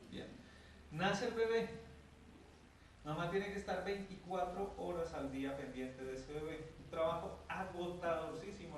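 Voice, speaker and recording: A man's voice: fairly high pitch, slight background noise. A man with a Colombian Spanish accent gives a lecture in a conversational way, often asking his listeners "¿sí?" and acting out what mothers say. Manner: conversational, often checks in with "¿sí?", acts out quoted mothers. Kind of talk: lecture to an audience. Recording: very echoey room, mic far off, faint ambience.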